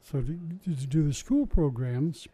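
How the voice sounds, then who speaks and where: His voice is fairly high and sing-song, yet dark in tone and slightly rough, and he talks a little slowly. The older man is being casually interviewed about running science shows, telling his stories chattily and wryly with many restarts.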